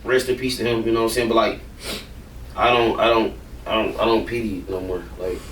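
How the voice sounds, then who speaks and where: A man's voice: fairly low pitch, flat delivery, fairly quick, fairly bright tone, reverberant, far from the mic, slight background noise. A man, a rapper, talking casually and bluntly in an interview, rambling and swearing freely.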